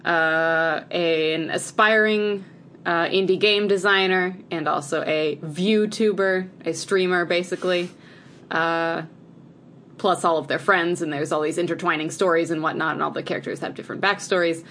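A woman from chats eagerly on a podcast, sprinkling 'like' through every sentence. Her voice sits a little low for a woman. A faint noise runs under the recording. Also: steady tone, moderate pace, fairly bright tone. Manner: chatty and enthusiastic, heavy use of 'like'. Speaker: podcast co-host. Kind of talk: casual podcast chat.

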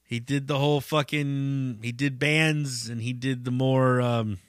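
A man's voice: mid-range voice, steady tone, measured pace, clear, resonant tone, dry recording, clean studio sound. A middle-aged man hosting a podcast in a casual, rambling monologue, swearing freely and laughing often. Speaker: podcast host.

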